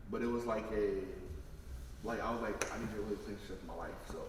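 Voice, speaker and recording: A man in his thirties hosting a podcast, rambling in casual chat with lots of "like.". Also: lowish voice. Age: 30s. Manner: rapid, rambling, heavy use of "like". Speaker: podcast host. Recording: echoey distant room mic with noise.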